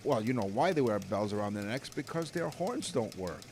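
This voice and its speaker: A man's voice: lowish voice, expressive, brisk, a little mellow, slight background noise. A man co-hosting a joking chat show, telling puns and laughing often. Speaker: co-host.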